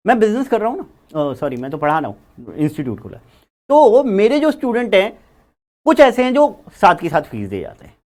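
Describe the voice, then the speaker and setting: Animated male accounting teacher. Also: a little high. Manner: animated, repeats key words, chatty. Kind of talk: classroom lecture.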